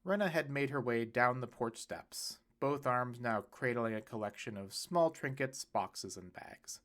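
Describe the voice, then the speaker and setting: Reading a serialized novel, this male audiobook narrator keeps a measured pace and a mid-range voice. His delivery is lively, and he lifts into bright, raised voices whenever characters speak.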